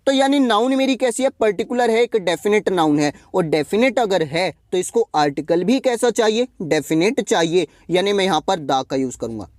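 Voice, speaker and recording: A man with a high voice teaches an exam-prep grammar lesson. He keeps asking his class questions and answering them himself, repeating each point. He reads example sentences slowly, and the sound is dry and close. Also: animated, no room sound.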